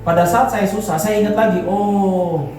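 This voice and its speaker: A man's voice: on the high side, normal speed. Man preaching in an echoey church hall. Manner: joking, conversational preaching that leads the congregation in gestures. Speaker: pastor. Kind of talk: sermon. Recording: echoey hall, voice from far off, faint music.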